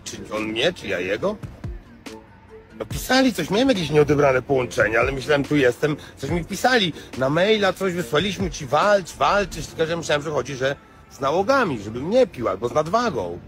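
A man in his thirties rambling in a mock-confused, singsong way into a phone held at arm's length outdoors. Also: on the high side. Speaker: social media personality. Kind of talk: clowning selfie video. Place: outdoors by a city waterfront.

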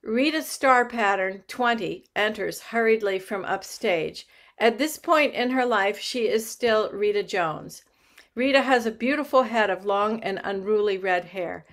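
A woman reading the stage directions aloud at a play reading in a measured way. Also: medium pitch, fairly bright tone.

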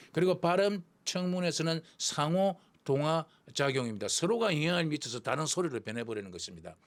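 A man teaching everyday English in Korean, repeating English phrases for practice. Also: fairly high pitch. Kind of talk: English lesson lecture.

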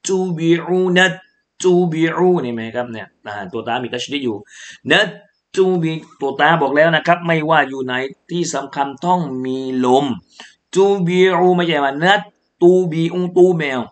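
At a moderate pace and in a mid-range voice, a man from Thailand leads a Quran recitation lesson in tajweed. He chants the verses, then patiently explains pronunciation and repeats syllables for the students.

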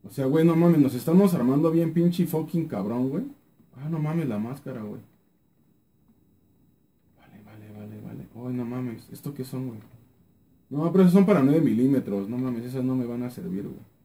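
A young man with a Mexican accent talks through his gameplay in an excitable, lively voice that leaps up and drops low. He swears freely and keeps muttering the same words under his breath. His tone is mellow and dark. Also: brisk. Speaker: gaming YouTuber. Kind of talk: live gameplay commentary.

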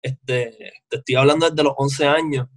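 A man, chatting as a guest in a relaxed, slangy way on a video call from his home music studio. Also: medium pitch, moderate pace. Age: 20s. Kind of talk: casual interview chat.

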